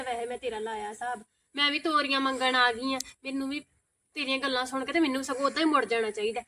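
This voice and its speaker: A woman with a Punjabi accent lectures in a high, quick voice, reasoning and scolding without pause. Faint background noise sits under her lines. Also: pushed and bright. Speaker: actor in a village short film. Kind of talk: rural Punjabi short-film acting.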